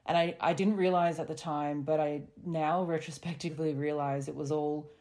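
Podcast guest, female, voice disguised to sound deep and dark, reflective and measured, recorded remotely. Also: steady tone. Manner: reflective, measured, with small restarts. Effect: voice altered to sound deeper for anonymity. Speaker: guest sharing lived experience. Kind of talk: candid podcast conversation. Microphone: remote recording over a call.

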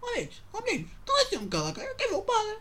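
A young man voicing impatient pious old church ladies with a shrill, quavering voice. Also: wildly swooping pitch, rapid-fire, sharp tone, exaggerated voice.

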